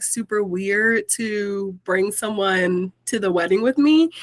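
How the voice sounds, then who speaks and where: A woman's voice: mid-range voice, fairly bright tone, dry recording. Chatty woman hosting a video call. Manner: chatty, says "like" often, laughs easily. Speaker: host of an officiant meetup. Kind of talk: casual group video call chat.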